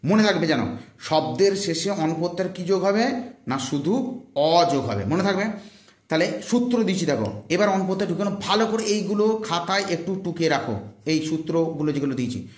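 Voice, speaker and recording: A man's voice: fairly high pitch, expressive, fairly quick. Man teaching in an echoey room. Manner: drills students with repeated questions and answers. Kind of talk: exam-prep grammar lesson. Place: room, filmed with handheld phone. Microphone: handheld phone.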